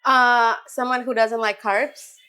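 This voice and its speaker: A woman's voice: fairly high pitch, fairly even intonation, takes it slowly, pushed and bright, clear, resonant tone. A young woman hosting a vlog, chatting playfully with a chef and asking curious questions. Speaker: vlog host. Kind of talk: casual chat. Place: restaurant kitchen.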